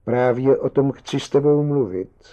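A man's voice: medium pitch, mellow, muffled recording, voice pushed up, close to an everyday voice. A man voicing a humanlike marionette double of a man who earnestly complains that he is kept in a box, in an audiobook reading. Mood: complaining.

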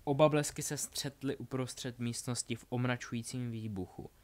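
A man's voice: mid-range voice, fairly even intonation, darkish tone. Man reading a story aloud.

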